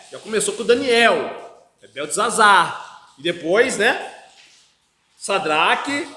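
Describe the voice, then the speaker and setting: A Brazilian man preaches from the pulpit in a high, ringing voice. His Brazilian Portuguese accent carries through an echoey church hall. He presses his points hard and keeps asking his listeners for agreement. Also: bright, forceful tone. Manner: emphatic preaching with frequent call-and-response "amém?". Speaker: pastor. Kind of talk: expository sermon.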